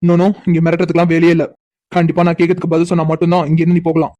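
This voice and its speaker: A cocky, stubborn young man in a cartoon story, voiced by a woman, who teases and mocks without letting up. He speaks very fast in a low, flat, mellow voice. The recording is dry and close. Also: no room sound, highs cut off, natural voice. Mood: teasing. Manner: teasing, insistent, mocking. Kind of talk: cartoon voice acting.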